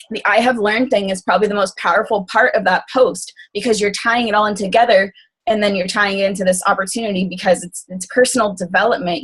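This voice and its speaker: A woman talking casually on a group call, rambling quickly with lots of fillers. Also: medium pitch, husky. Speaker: team call speaker.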